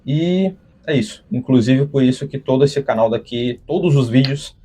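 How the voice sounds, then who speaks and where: A man's voice: medium pitch, moderate pace, dark tone, breathy edge. A young man, talking unscripted to his channel's viewers, rambling with many restarts. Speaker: channel host. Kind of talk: unscripted casual talk to camera.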